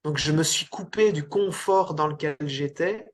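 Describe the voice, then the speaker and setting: A man's voice: on the high side, measured pace. A middle-aged man from Belgium, a coach talking about his career in a casual interview, hesitant with frequent restarts. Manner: hesitant, many restarts and fillers. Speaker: coach and speaker, interview guest.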